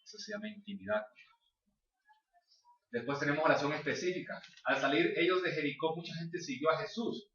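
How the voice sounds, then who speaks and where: A man's voice: fairly high pitch, fairly quick, a bit bright. A man teaching a church course, explaining step by step and often checking in with his listeners. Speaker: Bible class teacher. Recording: distant, echoey, dull lo-fi room recording.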